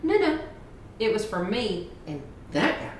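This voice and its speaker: A woman guest telling funny stories in casual chat, laughing and joking as she talks. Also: medium pitch. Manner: animated, laughs a lot, quick joking delivery. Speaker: podcast guest. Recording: very echoey room, distant mic, faint noise.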